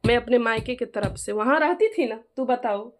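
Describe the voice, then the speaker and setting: A middle-aged woman from Jharkhand with an eastern Hindi accent speaks heatedly in a family vlog, demanding that others back her up. As the bride's mother and the vlogger, she talks at normal speed in an animated, fairly high voice.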